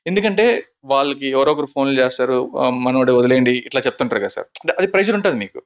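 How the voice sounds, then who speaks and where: A man's voice: medium pitch, big pitch swings, racing. A male interviewer asking long, respectful, probing questions.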